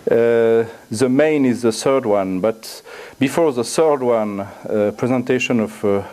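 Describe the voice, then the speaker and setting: Delivering an academic lecture from a university lectern, this middle-aged Frenchman has a warm, mid-range voice. As a guest lecturer, he frequently pauses and repeats himself while hunting for words.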